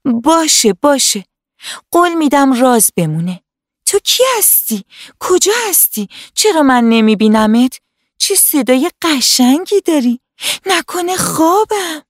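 A woman voicing a cheerful, curious little girl who asks excited, wide-eyed questions in a storybook reading. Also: high-pitched, dry recording, clean studio sound, voice pushed up. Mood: astonished.

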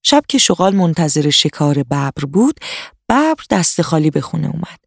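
A storyteller reading a children's radio tale in a clear, even, scripted way, speaking directly to young listeners. The voice sits at a middle pitch. The sound is dry and close to the mic, with no room echo.

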